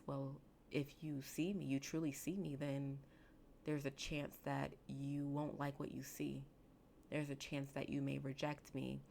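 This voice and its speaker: A woman in her late twenties, a therapist hosting her podcast, reflecting slowly and emotionally with halting restarts. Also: rumbling low, vocal fry, slight background noise. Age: late 20s. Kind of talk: reflective solo podcast talk.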